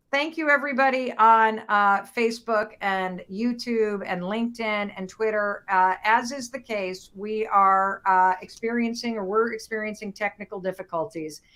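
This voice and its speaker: Female live-stream host, medium pitch, halting, emotional, overwhelmed, on the edge of a breakdown. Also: a bit bright. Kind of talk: motivational talk to live online audience.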